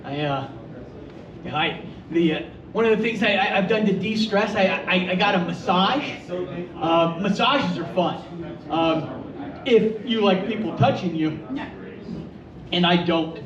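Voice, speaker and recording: Stammering comedian from Ohio, echoey brewery. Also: male voice, high-pitched, a crowd in the background. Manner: halting, self-deprecating, stammers and restarts often. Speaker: stand-up comedian. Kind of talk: stand-up comedy set. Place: brewery room with live audience. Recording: echoey, distant, slightly dull live-room recording.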